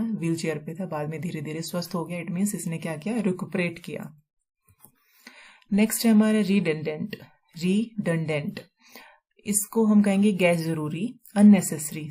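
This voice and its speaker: A woman teaching vocabulary in a recorded lesson, explaining each word slowly, repeating it and spelling it out letter by letter, mixing English terms into her explanation. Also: on the low side, dark tone.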